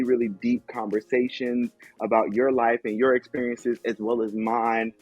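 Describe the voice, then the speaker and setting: A man's voice: medium pitch, slightly rough. Gushing man hosting a chat. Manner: gushing, animated storyteller. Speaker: podcast host. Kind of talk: casual chat.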